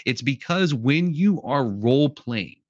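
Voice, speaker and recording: A man's voice: medium pitch, a little slow, no room sound, lo-fi sound. A man in casual conversation, explaining at length and acting out quoted voices as he tells stories. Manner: animated storyteller who acts out quotes. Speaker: podcast guest.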